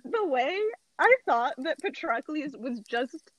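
A woman co-hosting a podcast, chatting excitably and swearing, sometimes reading aloud. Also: sits high, slow pace, background noise. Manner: excitable, swears, mock outrage. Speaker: podcast co-host. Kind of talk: casual chat and reading aloud.

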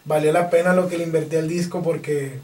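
A man's voice: fairly high pitch, brisk. Slangy Mexican man in an echoey room. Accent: Mexican Spanish. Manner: relaxed slangy talk, laughs often. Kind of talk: casual interview chat. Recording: echoey room, distant mic, background noise.

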